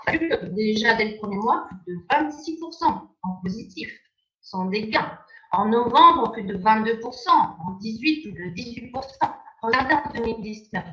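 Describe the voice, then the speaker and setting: A woman presenting an online sales pitch, emphatic and persuasive, heard over a video call. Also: a bit bright, echoey room, dull audio.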